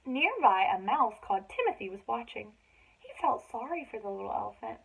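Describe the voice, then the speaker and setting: A fairly high, husky, creaky voice with a fairly bright tone sing-songs through a children's story a little fast. The woman reads with dramatic emphasis for young listeners and chatty asides, and the audio is thin and phone-like.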